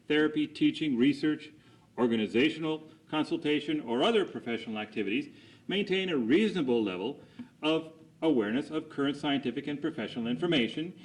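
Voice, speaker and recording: A man's voice: fairly high pitch, rough recording. A man conducting a cross examination as an attorney, putting formal, methodical leading questions and seeking agreement after each statement.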